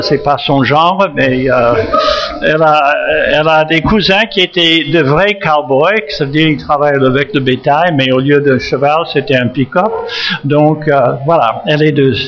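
A retired missionary pastor in his seventies from Massachusetts, a native English speaker with an American accent, introduces himself in French at church. His voice is a little high, and he halts often, with many fillers and restarts, while joking gently.

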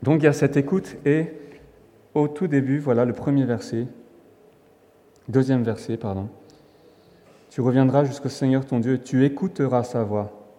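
A man's voice: mid-range voice, moderate pace, pauses often, warm tone. A man from France preaching a sermon in a conversational, emphatic way, with restarts and fillers. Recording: long hall reverb.

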